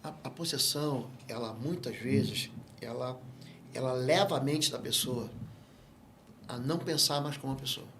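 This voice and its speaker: A man with a Brazilian Portuguese accent, a guest pastor teaching in an interview and telling stories with lively acted-out dialogue. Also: mid-range voice, normal speed, a little hiss or hum. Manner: animated storyteller who acts out quoted dialogue. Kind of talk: interview, teaching on spiritual matters.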